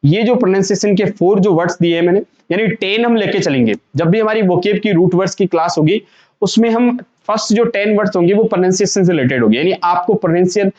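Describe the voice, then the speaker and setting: A man's voice: sits high, fast, darkish tone. A man teaching a vocabulary lesson, sounding words out syllable by syllable and asking the class to repeat them. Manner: drills pronunciation, repeating words and asking questions. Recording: dull lo-fi sound.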